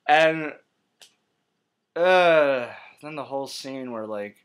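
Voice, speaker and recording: A man's voice: mid-range voice, slow pace, clear, resonant tone. A young man giving a profane, scornful movie-review rant, shifting between mutters and outbursts. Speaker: vlogger.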